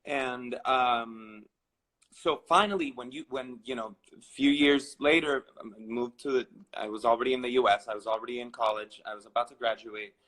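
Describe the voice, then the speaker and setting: A man's voice: medium pitch, steady tone, normal speed, fairly bright tone, low-quality recording. A man in his thirties from Venezuela, telling his personal story with many restarts and fillers. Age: 30s. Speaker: guest.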